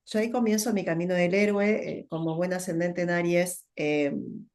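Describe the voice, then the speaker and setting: A middle-aged woman with a Rioplatense Spanish accent, a guest telling her story in a thoughtful interview, often pausing and repeating words as she searches for them. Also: fairly low pitch, fairly even intonation, a little mellow. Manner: thoughtful, with many fillers and repetitions. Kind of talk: reflective conversational interview.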